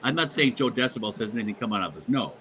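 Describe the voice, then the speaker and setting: A man's voice: mid-range voice, expressive, racing, sharp tone, breathy edge, rough recording. A man hosting a radio show, chatting casually and introducing songs, rambling with lots of fillers and swearing, and he has the hiccups.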